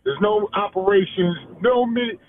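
A man's voice: sits high, measured pace. A man calling a radio show, blunt and casual. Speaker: radio caller. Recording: tinny phone line.

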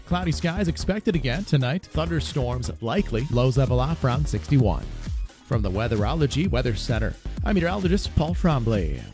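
A male meteorologist reads a radio weather forecast in a crisp announcer style. His pitch moves up and down, and music plays clearly behind him. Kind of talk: scripted weather report.

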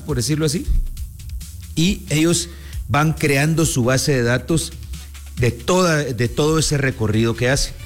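A man from Guatemala, a sports show host, telling a story in a measured, casual way with many restarts. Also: on the high side. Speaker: sports commentator. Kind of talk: casual talk show chat.

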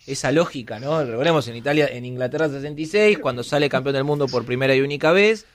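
A man co-hosting an interview, careful and measured as he lays out his point. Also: medium pitch. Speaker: co-host. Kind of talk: casual interview.

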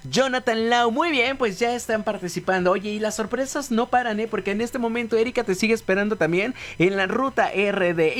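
A man hosting a morning radio show with a Mexican Spanish accent, chatty and promotional. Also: high voice. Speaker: radio host. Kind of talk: upbeat radio presenting.

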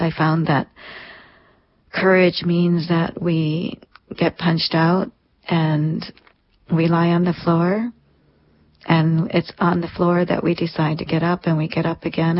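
A woman's voice: low-pitched, husky. A woman in her thirties, an interview guest, telling a personal story in an earnest, reflective way. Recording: lo-fi dull sound.

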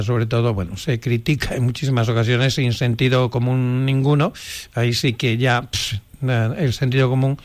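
A man from Spain hosting a local radio show, interviewing a guest and talking between segments, halting with many fillers. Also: medium pitch. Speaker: radio host.

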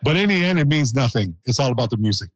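A man's voice: medium pitch, sing-song, fast talker, dry recording, dull audio. A man hosting an interview with a band, joking and teasing in an upbeat way. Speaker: host. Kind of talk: playful broadcast interview.

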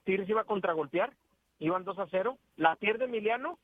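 A man's voice: high-pitched, fairly quick, no echo. A man calls a sports radio show over a phone line, earnestly giving his football opinion and repeating words as he searches for them. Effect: heard over a phone line. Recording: tinny phone line with faint hiss.

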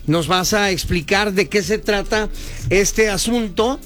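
A man with a Mexican accent hosting a casual radio interview, chatty and relaxed. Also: high voice, measured pace, faint music behind. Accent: Mexican Spanish. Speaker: radio host.

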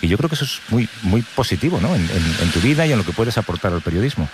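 A man from hosting a talk show conversation, relaxed and hesitant with frequent fillers. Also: on the low side, fast talker, noisy background. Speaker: host.

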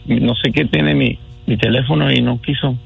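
Husky, gravelly man on a radio call. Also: mid-range voice, steady tone, moderate pace, phone-quality sound, faint music behind. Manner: easygoing, hesitant, sweet-talking. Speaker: radio caller pranking his fiancée. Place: radio studio.

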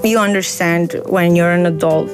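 Low-voiced woman giving personal testimony. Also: moderate pace, over music. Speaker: interview guest.

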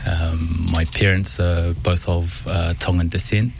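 A man with a New Zealand accent, a dentist speaking as a guest in a radio studio interview, thoughtful and halting with many pauses. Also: deep voice, level tone, gravelly, a little hiss or hum.

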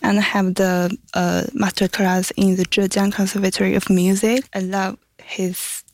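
A woman's voice: mid-range voice, level tone, no room sound. Shy Chinese-accented young woman. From China. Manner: shy, halting non-native English. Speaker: graduate string student.

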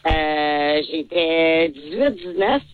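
A man's voice: fairly high pitch, no echo. Man caller with a disguised, altered voice. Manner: hesitant, halting confessions. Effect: voice modifier. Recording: heard over a phone line.

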